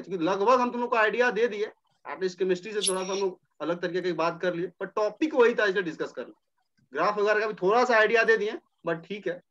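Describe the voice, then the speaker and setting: A man with a high, bright voice teaches a chemistry class in a relaxed, coaxing way. He walks students through each calculation and repeats the numbers as he goes. The audio is dull and lo-fi. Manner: casual, coaxing, repeats numbers while working problems. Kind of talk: informal chemistry lecture.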